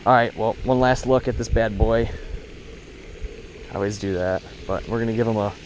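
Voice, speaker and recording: Outdoors at a suburban pond, a young vlogger records his bass fishing on a head-mounted action camera, speaking at a moderate pace over background noise. He addresses viewers as bro and dude in bursts of excited, slangy commentary.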